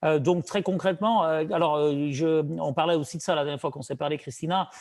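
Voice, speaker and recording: Man, Saint-Étienne French accent, higher voice, business broker, casual chat, earnest advice-giving. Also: steady tone, fast, darkish tone. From France. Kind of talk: casual conversation.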